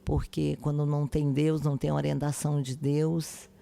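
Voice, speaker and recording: A woman pastor from Brasília, telling her life testimony slowly and earnestly in a podcast interview. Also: deep voice, level tone, gravelly, dark tone. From Brasília, Brazil. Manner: slow, earnest, devout phrasing.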